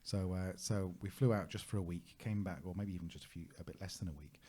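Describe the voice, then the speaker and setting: A man's voice: low voice, fast talker, warm tone. A man co-hosting a travel podcast, chatting casually and rambling through anecdotes with lots of fillers. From United Kingdom.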